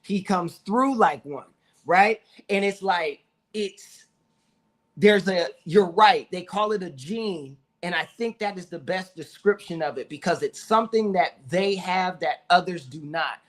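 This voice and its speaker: Animated high-voiced man talking sports. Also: measured pace. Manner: animated storyteller, acts out friends' lines. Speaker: sports show co-host. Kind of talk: casual sports talk.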